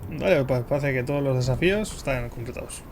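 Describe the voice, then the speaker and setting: A man with a Castilian Spanish accent giving casual gameplay commentary in a gravelly voice. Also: mid-range voice, rapid-fire, slight background noise. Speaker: gaming streamer.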